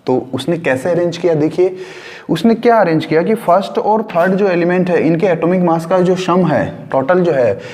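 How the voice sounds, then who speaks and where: A man's voice: high-pitched, lively intonation, moderate pace, darkish tone, in a large hall. A man teaching a school science class. He explains with everyday examples, repeats his key points and asks questions, then answers them himself. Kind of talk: classroom lecture.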